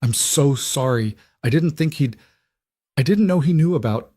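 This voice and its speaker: A man's voice: medium pitch, huge pitch swings, normal speed, darkish tone, no echo, voice pushed up. A man reading a story and voicing a frightened young woman who pleads and speaks in a shaky voice.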